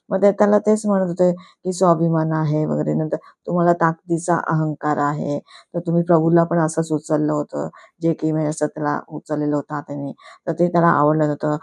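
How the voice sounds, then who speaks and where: A woman's voice: on the low side, gravelly, darkish tone. A woman giving a casual, chatty review on her YouTube channel, slipping English words into her talk.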